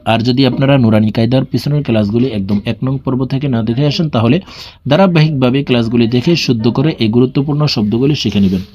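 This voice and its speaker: A man teaching Quran reading, spelling out each word syllable by syllable and drawing the sounds out in a slow drill. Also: medium pitch, a little mellow, dull audio, a little hiss or hum. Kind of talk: spelling-out recitation lesson.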